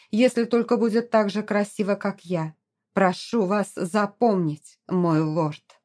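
A woman voicing a proud young noblewoman in an audiobook, speaking in a sharp, emphatic, scornful way. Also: mid-range voice, close to an everyday voice. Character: proud young noblewoman, fiercely indignant wife.

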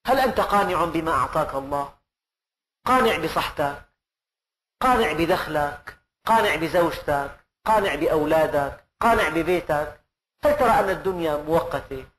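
Preaching earnestly on the Quran, an older man speaks at a normal pace in a fairly high, expressive and somewhat bright voice. His sermon leans on rhetorical questions and emphatic rises, with slight background noise.

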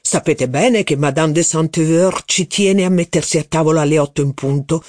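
A man reading aloud voices a blustering, impatient aristocratic duke who talks in loud exclamations. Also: a little high, normal speed, no room sound, studio quality, lightly acted.

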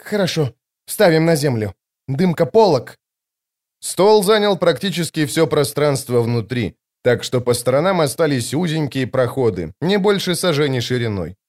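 Guy reading a fantasy audiobook, lots of pitch movement, acts out the characters. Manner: expressive, varies voice for characters. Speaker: audiobook narrator. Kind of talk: audiobook narration with character voices.

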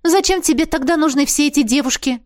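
An indignant young female mage student snaps back sharply, her voice lifting high, as a woman reads her. The audiobook sound is close and dry. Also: quick pace, darkish tone, no room sound, close to an everyday voice.

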